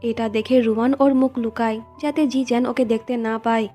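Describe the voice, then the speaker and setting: Woman narrator, higher-pitched and mellow, plain story recap with faint music underneath. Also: fairly even intonation, moderate pace. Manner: plain recounting, reads quoted lines in the same voice.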